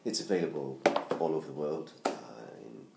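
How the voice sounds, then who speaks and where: A middle-aged man from the UK with a hoarse bass voice from laryngitis talks a little fast in a self-made video promoting his book. He chats casually with many ums and restarts from his living room by a Christmas tree. The audio, from a close tablet camera, is roomy with faint noise.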